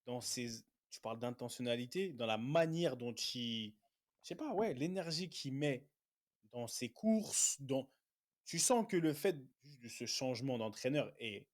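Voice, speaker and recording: A man with an ordinary mid-range voice co-hosting a casual podcast. He talks in a relaxed way, often trailing off and repeating phrases as he goes. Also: medium pitch, normal speed. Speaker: podcast co-host.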